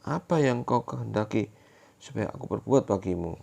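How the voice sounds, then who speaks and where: A man voicing a calm, kindly healer in a Bible story told to children. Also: on the low side, moderate pace, creaky, breathy edge, heavily acted.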